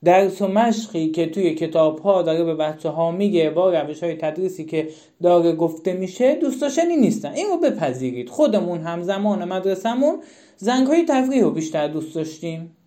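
A woman's voice: on the low side, expressive, dark tone. A woman giving a live-stream talk to parents, emphatic and repeating her key questions. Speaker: parenting educator.

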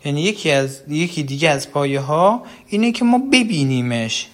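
Male speaker with a somewhat high voice, earnest teacher of parents, explains patiently with examples. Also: expressive, fairly bright tone. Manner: earnest, explains with everyday examples and direct address. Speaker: parenting educator. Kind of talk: explanatory talk.

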